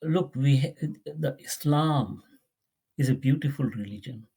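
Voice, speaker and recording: A man's voice: mid-range voice, unhurried, dark tone, husky. A man teaching a Quran lesson, earnest and pleading, often repeating his words. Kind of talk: religious lesson.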